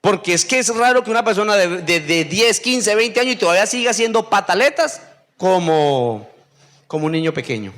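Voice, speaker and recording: High-voiced pastor preaching call-and-response. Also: male voice, lively intonation, fairly bright tone. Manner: call-and-response questioning, drawn-out answers; acts out whiny voices in a high squeak. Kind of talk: sermon.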